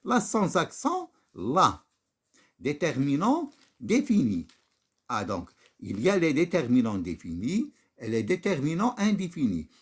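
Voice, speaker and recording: Male French teacher, Moroccan accent, husky, drawn-out delivery with a wildly lively pitch. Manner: slow, repetitive, pointing out each word. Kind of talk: classroom lesson explaining French accents.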